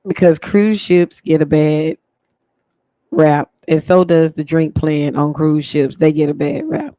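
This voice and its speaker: Host, male, higher pitch, pointed repetitive delivery, dry dull sound. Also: lively intonation, measured pace, dark tone, no echo. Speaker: livestream host. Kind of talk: live commentary.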